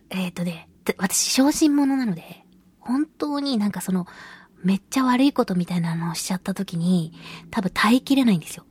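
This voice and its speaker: This voice actress, medium-pitched and slightly rough, hosts a casual solo radio show full of personal anecdotes. She tells them in a giggly, self-deprecating storytelling style, voicing short quoted remarks along the way.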